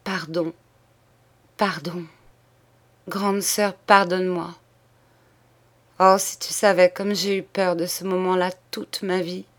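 A woman reading aloud, voicing a dying middle-aged woman who confesses to her sister in a hoarse, halting whisper. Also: fairly low pitch, little pitch movement. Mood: anguished. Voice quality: hoarse, halting broken phrases. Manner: whispered pleading.

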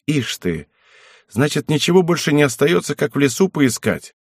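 An earnest, courteous young knight who speaks plainly, voiced by a male reader. The husky voice moves lively in pitch, in a close, dry recording. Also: normal speed, no room sound.

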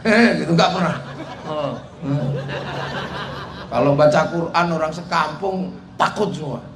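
A man's voice: fairly high pitch, unhurried, gravelly. A man preaching a humorous sermon, telling a story and acting out the dialogue. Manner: animated, joking, acts out dialogue. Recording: echoey hall with crowd noise.

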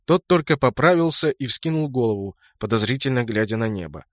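A man's voice: medium pitch, animated, brisk, dry recording, studio quality. A man reading scripted fantasy game fiction as an audiobook narrator.

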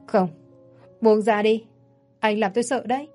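Frightened stubborn young girl read by a woman, pleading, soft mellow voice. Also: fairly high pitch, fairly even intonation, a little slow, soft background music. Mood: scared, pleading. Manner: pleading and defiant.

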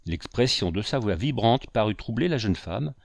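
A man reading a classic adventure novel aloud in measured, even narration. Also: fairly low pitch, vocal fry, no echo. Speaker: audiobook narrator. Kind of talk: literary audiobook narration.

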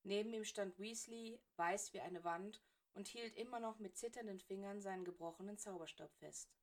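A woman reads a piece of fan fiction aloud as an audiobook. Her narration is steady and expressive, with a pitch that sits in the middle of the typical range for women. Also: moderate pace.

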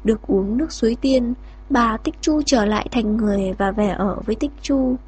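A woman narrating a fairy tale in a slow, gentle reading voice. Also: fairly high pitch, husky. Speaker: storyteller.

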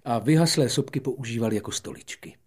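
A male narrator reads a gentle fairy tale with expressive storytelling, moving between hushed and lively passages. His voice sits mid-range with a husky edge. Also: medium pitch. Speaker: audiobook narrator.

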